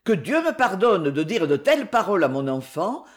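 A woman voicing a gentle old banker father. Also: on the low side, sing-song, normal speed. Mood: tender. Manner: gentle, imploring.

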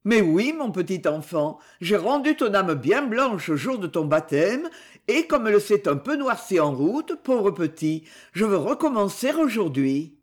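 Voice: mid-range voice, sing-song, unhurried. A reader voicing an old village priest in an audiobook, who speaks in a cracked, tender voice. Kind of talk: audiobook character reading.

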